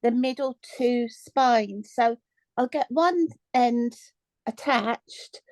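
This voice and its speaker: A woman's voice: fairly high pitch, takes it slowly, darkish tone, dry recording. A woman taking part in an online workshop, tentatively describing a problem step by step. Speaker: workshop participant.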